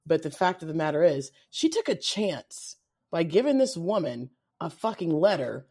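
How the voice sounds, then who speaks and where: Woman, Kentucky twang, slightly low voice; animated, sweary podcast co-host ranting in casual chat. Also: normal speed, slightly rough.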